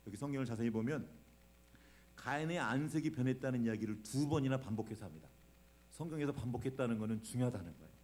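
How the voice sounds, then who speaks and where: A man's voice: mid-range voice, expressive, fast talker, a little mellow. A man preaching a Sunday sermon in a church. He often puts questions to the congregation and explains with homely everyday examples. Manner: asks the congregation frequent questions. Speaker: pastor. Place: church sanctuary.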